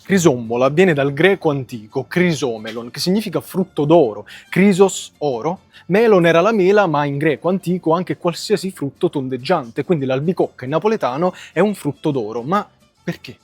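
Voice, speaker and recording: A man with a Neapolitan Italian accent presenting an educational story in an expressive, emphatic way. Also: a little high, moderate pace, breathy edge, dry recording. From Naples area, Italy. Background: music.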